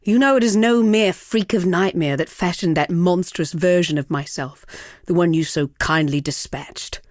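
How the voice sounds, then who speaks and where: For a fantasy video game, an actress plays a villainous sorceress, her natural, fairly low, slightly mellow voice recorded dry with no echo. She delivers lines deliberately and theatrically, haughty and seductive, savouring each taunt with cruel poise. The mood comes across wry and bitter.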